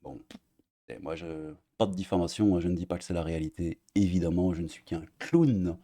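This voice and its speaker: Sarcastic mellow-voiced male commentator. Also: low-pitched, fairly quick. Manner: sarcastic, trailing off into mutters. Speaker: online commentator. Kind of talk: casual commentary reading posts aloud.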